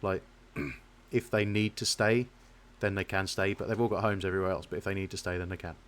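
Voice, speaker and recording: A man's voice: low-pitched, fairly quick, fairly bright tone. A man narrating a tabletop game as game master, loose and chatty with asides.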